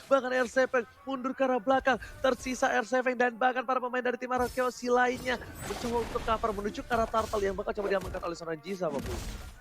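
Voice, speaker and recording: A man with an Indonesian accent giving live esports match commentary as an excited game announcer. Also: very high voice, fast, soft background music. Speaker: esports play-by-play caster.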